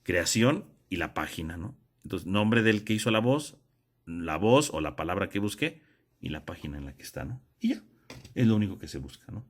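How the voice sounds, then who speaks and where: Low-voiced man explaining patiently. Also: sing-song, normal speed. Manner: explanatory, repeats points with tag questions. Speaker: theology teacher. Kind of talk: classroom lesson.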